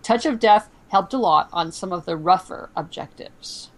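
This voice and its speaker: A woman co-hosting a casual gaming podcast, briskly reading listener answers aloud. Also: on the low side. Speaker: podcast co-host.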